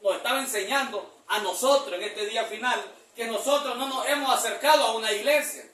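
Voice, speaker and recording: High bright-voiced preacher in a church. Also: male voice. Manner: reads verses slowly, repeats "hermano" often. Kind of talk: sermon. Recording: echoey church hall from far off.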